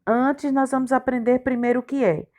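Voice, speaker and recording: A woman's voice: sits high, fairly even intonation, moderate pace, warm tone. A woman teacher, giving a recorded grammar lesson to young children and spelling out letters and syllables one by one. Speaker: primary school teacher.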